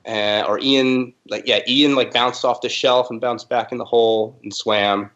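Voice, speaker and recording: A man's voice: medium pitch, steady tone, moderate pace, fairly bright tone, lo-fi sound. A man who helps organize a race, chatting casually and loosely over a video call, with plenty of fillers. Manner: laid-back, full of fillers. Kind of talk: casual podcast chat.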